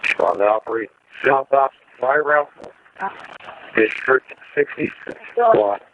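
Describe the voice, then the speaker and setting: A man's voice: medium pitch, takes it slowly, gravelly. A man announcing fire alarms over the radio in formulaic dispatch phrases. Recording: dull radio with faint static, clicks.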